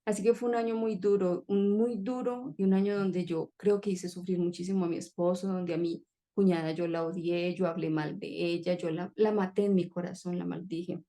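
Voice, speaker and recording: A woman's voice: fairly low pitch, fairly even intonation, moderate pace, few pauses, dark tone. A woman telling an emotional personal testimony in an earnest, heartfelt conversational way. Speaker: guest sharing testimony.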